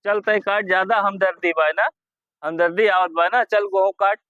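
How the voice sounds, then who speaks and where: Man acting a high-pitched quarrelsome village drunk husband. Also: steady tone, moderate pace, pushed and bright, no room sound, dull audio. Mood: bossy. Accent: Awadhi. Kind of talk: rural comedy skit acting.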